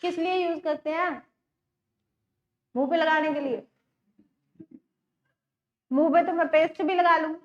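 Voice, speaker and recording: Haryanvi lady teacher chatting w her class, high voice, kinda muffled recording. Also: fairly even intonation, unhurried, long pauses. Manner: chatty, addresses students as beta. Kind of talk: classroom lecture.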